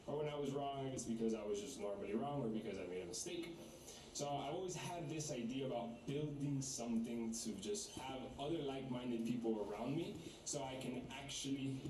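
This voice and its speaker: A man in his twenties, a trading mentor, talking casually and enthusiastically to a live group in a large room. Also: mid-range voice. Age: 20s. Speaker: trading mentor hosting event. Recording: roomy, distant mic, noisy room.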